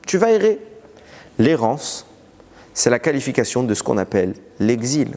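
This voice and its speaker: A man, a rabbi, giving a recorded Torah lesson. He teaches in a lively way, posing questions and answering them himself. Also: medium pitch, moderate pace, long reverb tail.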